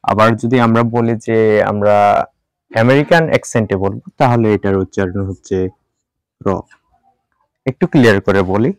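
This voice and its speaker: A man teaching English pronunciation in Bengali, repeating each sound slowly and mixing in English words. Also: fairly low pitch, no echo. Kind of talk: spoken language lesson.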